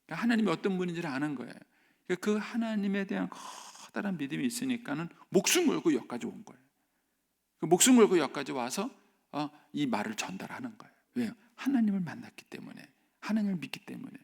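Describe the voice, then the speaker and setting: A male pastor preaching at a dawn church service, animated and acting out the voices he quotes, now and then dropping to a near whisper. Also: on the high side, fast talker, gravelly. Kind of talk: sermon at a dawn worship service. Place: church sanctuary.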